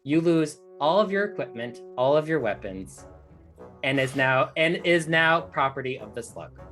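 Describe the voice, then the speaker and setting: Low-voiced woman dm rambling thru the rules, lots of uhs, faint music behind. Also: lively intonation, normal speed, a bit bright. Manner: rambling, playful, with many fillers. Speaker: dungeon master. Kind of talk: running a tabletop game.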